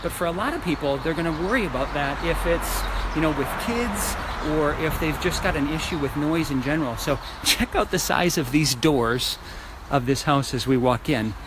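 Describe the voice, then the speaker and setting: A man's voice: on the high side, animated, moderate pace. A man working as a real estate agent, chatting casually and with enthusiasm to live viewers as he walks through a house tour. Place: walking through a large house and its outdoor areas. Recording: noisy live phone video, ambient traffic noise.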